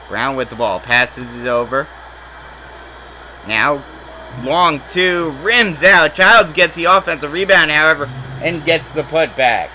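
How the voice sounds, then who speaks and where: A man with a very bright, forceful voice calls basketball play-by-play over a faint hiss of background noise. He moves briskly from possession to possession and surges louder and higher on big plays. His pitch sits mid-range for a man. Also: rough recording. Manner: rapid play calling that rises sharply on made shots. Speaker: play-by-play announcer. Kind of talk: simulated basketball play-by-play commentary.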